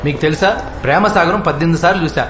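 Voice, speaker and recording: Male actor, Telugu accent, rapid cheeky film comic, slightly high voice, heavy noise. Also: natural voice. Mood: boastful. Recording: roomy, very noisy film audio.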